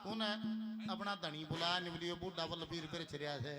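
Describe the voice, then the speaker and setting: A man with a Haryanvi accent telling jokes on a live stage, lively storytelling that acts out voices. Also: fairly high pitch, normal speed, a crowd in the background. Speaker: stage comedian. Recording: echoey live stage sound with music.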